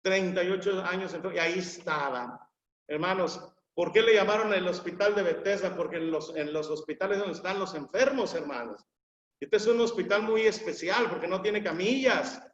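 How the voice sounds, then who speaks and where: A man's voice: high voice, normal speed. A man preaching a sermon, repeating himself emphatically and calling out to his listeners in a church hall. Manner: repetitive, emphatic, calls the listeners "hermanos". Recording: echoey church hall, dull sound.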